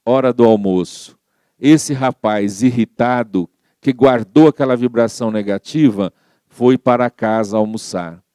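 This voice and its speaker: Guy preaching a little story, warm dark voice, repeats stuff, dry close sound. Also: medium pitch, unhurried, clear, resonant tone, dry recording. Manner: repetitive storyteller, acts out quotes. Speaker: Spiritist lecturer. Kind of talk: storytelling sermon.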